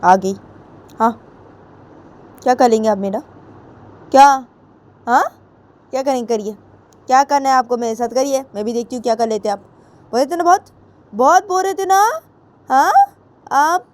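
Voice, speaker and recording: A woman's voice: fairly high pitch, a little mellow, pitched above the performer's own voice, close to an everyday voice. A woman voicing a bold young woman who taunts and challenges her elders.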